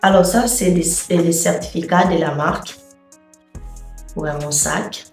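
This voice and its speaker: Low-voiced woman vlogger, echoey room. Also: gravelly. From Angola. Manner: unhurried, chatty, with frequent hesitant fillers. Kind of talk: casual unboxing chat to camera. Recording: echoey room from a distance, soft music.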